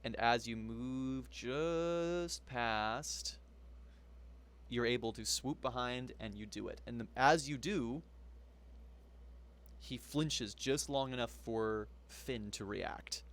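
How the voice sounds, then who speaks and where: A man runs a tabletop game as game master in a relaxed, chuckling manner. His voice sits at an average pitch. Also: slow pace.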